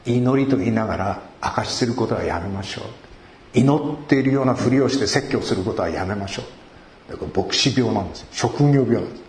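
A male pastor preaching a sermon in a conversational way, asking rhetorical questions and rising sharply in pitch for emphasis. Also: a little fast, darkish tone, a little hiss or hum. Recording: echoey room.

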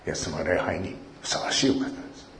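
A male pastor preaching a sermon in an earnest, measured way, repeating key phrases for emphasis. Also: deep voice, fairly even intonation, fairly bright tone, a little hiss or hum. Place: church worship hall. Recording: echoey church hall.

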